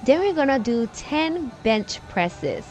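A woman's voice: high-pitched, big pitch swings, takes it slowly, a little mellow, soft background music. A young woman in her twenties narrating a casual vlog voice-over, explaining each step plainly. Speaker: vlogger.

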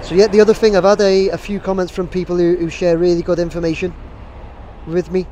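Vlogging on a city street, a drone videographer in his thirties holds the camera at arm's length and speaks casually, rambling with lots of fillers and restarts. His voice is high-pitched and dark, with little pitch movement and a quick pace, plus slight background noise.

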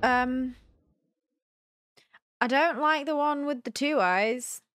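A young adult woman hosts a gaming video, giving casual let's-play commentary as she thinks aloud in a playful, self-deprecating mutter. Her high, slightly bright voice moves slowly, and the recording is dry.

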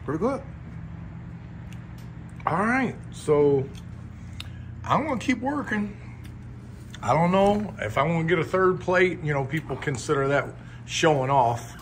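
A man's voice: a little high, lively intonation, unhurried, long pauses. Folksy man chatting over barbecue. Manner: folksy, chatty, laughs between bites. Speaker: food vlogger reviewing a barbecue restaurant. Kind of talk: casual food review vlog. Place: restaurant dining room. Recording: faint background noise in a restaurant.

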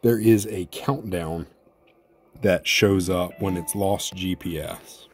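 A man casually narrating his robot mower test as a home video creator, thinking out loud and explaining what he sees on screen. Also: sits low, slow, slight background noise. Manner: thinking aloud, conversational, explanatory. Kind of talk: casual tech vlog narration. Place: indoors, at home near a computer, at times outside.

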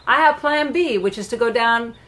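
A middle-aged woman hosting a casual live stream from her home, animated and chatty, greeting viewers by name and laughing often. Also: a little high, normal speed. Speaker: live-stream host and wellness coach. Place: at home in Florida.

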